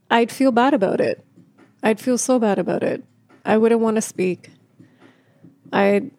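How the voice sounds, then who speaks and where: A woman vlogger talking candidly to camera, halting at times with pauses and stuttered restarts. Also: medium pitch, gravelly, a little mellow, dry recording. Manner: candid and open. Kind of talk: personal talk to camera.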